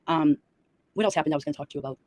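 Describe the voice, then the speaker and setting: A woman's voice: low-pitched, very fast, a little mellow, no room sound. A middle-aged woman chatting casually and giving opinionated gossip on a livestream.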